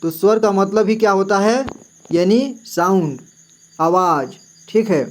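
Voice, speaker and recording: Guy teaching a lesson, high voice, talks real slow, repeats stuff a lot, crickets chirping in the back. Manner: patient, repeats syllables and says "ठीक है" often. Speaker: Hindi teacher.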